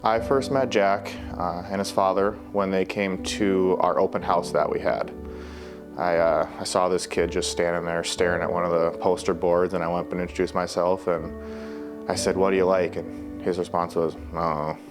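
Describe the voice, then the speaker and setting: A man's voice: low-pitched, level tone, moderate pace, music in the background. A man giving documentary interview testimony as a youth program leader, speaking earnestly and plainly with stumbles and repeated words.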